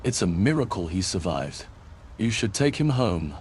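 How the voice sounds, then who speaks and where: Curious adventurer, fairly low voice, very varied intonation, steady game dialogue. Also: male voice, normal speed, slight background noise. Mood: calm, firm.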